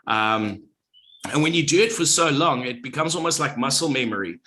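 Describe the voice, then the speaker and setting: A middle-aged former radio presenter appears as a podcast guest, speaking with confidence and good projection. His medium-pitched voice is animated, pushed, and bright, at a moderate pace, in this podcast interview.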